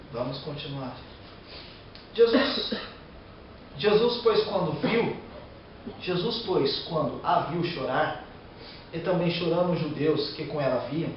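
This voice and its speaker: A man's voice: fairly high pitch, heavy reverb, recorded from a distance, lo-fi sound, slight background noise. A man preaching a sermon with a Brazilian Portuguese accent, reading scripture aloud and breaking into emotional, rising outbursts.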